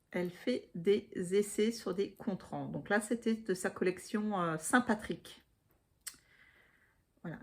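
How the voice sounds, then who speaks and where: Woman, forties, from Alsace, knitting vlogger, unhurried, breathy voice, fillers, soft counting. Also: medium pitch. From Alsace, France. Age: 40s. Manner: chatty, many fillers, counts softly under her breath. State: hands trembling, apologetic. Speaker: knitting podcaster. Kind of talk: casual show-and-tell vlog.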